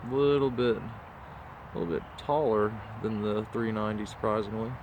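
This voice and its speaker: A fairly low-pitched man with a blocked nose talks at normal speed over a noisy background. As a diecast model collector vlogger, he rambles easily through a casual walkthrough, leaning on many fillers.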